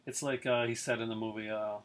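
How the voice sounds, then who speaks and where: A fairly low-pitched middle-aged man speaks a little fast and in a level tone as he reviews films from his collection. The casual video review, full of rambling and fillers, is eager in spirit and recorded in his living room on a close webcam.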